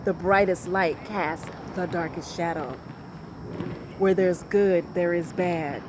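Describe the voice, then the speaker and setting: A woman giving a motivational talk in a deliberate, repetitive, emphatic way. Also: on the low side, background noise. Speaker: motivational speaker.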